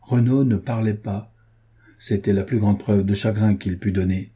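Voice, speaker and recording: A man narrates an old adventure novel as an audiobook. His reading is measured and literary. The voice is low, very dark and husky. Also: steady tone. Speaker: audiobook reader. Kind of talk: scripted narration of a classic novel.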